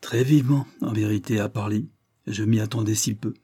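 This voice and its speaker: Curt, decisive lord, read by a man, mellow husky low voice, Victorian audiobook. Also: fairly even intonation, a little fast. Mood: grieving. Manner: curt, decisive, brooks no reply.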